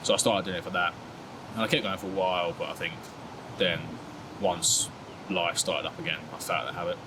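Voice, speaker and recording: Laid-back and self-mocking, a man in his twenties chats candidly in an interview, filling his sentences with "sort of" and "like." His low, steady voice runs fairly quick over a noisy background.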